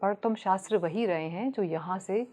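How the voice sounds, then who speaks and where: A woman, a Buddhist nun, speaking in a calm, measured way as a podcast guest, slipping English phrases into her talk. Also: mid-range voice, faint music behind.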